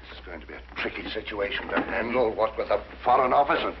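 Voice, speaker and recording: An actor playing an earnest, officious British police inspector in a 1950s drama, speaking formally and emphatically. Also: male voice, lowish voice, expressive, fast. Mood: brisk, concerned. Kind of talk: 1950s television drama acting. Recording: muffled, noisy 1950s television soundtrack.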